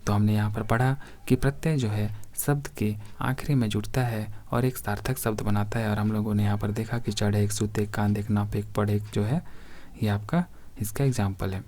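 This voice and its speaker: A man's voice: on the low side, fairly even intonation, moderate pace, darkish tone. A man teaching a grammar lesson for exam preparation, reading out word examples one by one and addressing viewers as friends.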